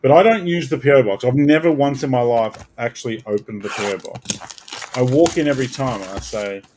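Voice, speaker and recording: A man hosting a card break, chatting casually and bursting out loudly as he calls out the cards he pulls. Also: mid-range voice, a little fast, noisy background. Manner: animated, bursts out loudly calling card names. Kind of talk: casual live card-opening chat.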